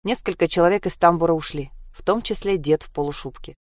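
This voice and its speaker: A woman's voice: lowish voice, fast, no room sound, studio quality. A woman narrating a story expressively and voicing the characters. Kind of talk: storybook reading.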